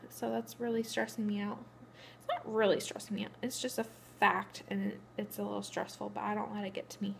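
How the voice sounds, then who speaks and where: A woman's voice: mid-range voice, level tone, fairly quick, creaky, slight background noise. A young pregnant woman, out of breath, rambling through a matter-of-fact casual vlog update. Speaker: vlogger. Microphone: phone camera.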